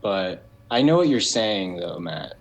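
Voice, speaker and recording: A man's voice: sits low, very animated, measured pace, gravelly, rough recording. A man from the United States, a record label guest on a podcast, who rambles and thinks aloud, using "like" constantly. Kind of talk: casual podcast interview.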